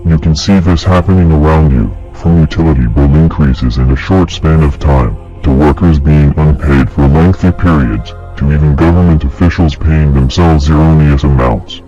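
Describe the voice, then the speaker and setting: A man with a disguised, pitched-down deep voice, delivering a grave, accusing scripted address as an anonymous narrator. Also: moderate pace, few pauses, warm tone. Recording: dull lo-fi audio with faint music.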